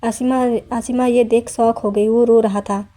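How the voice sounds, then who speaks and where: A woman narrating a romance novel aloud in a steady, plain reading voice with small restarts. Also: a little high, unhurried.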